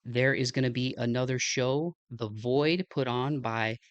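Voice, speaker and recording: A man's voice: mid-range voice, fairly even intonation, a little slow, no echo, lo-fi sound. A young man with a Midwestern American accent wrapping up his podcast episode in a loose, rambling way, with lots of fillers and restarts. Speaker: podcast host. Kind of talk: casual podcast outro.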